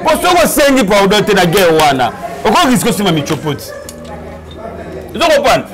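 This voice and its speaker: A man, talking in an animated, preachy way on a casual web TV show. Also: high voice, fairly quick. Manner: animated, preachy, mixing Lingala and French. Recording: crowd noise behind.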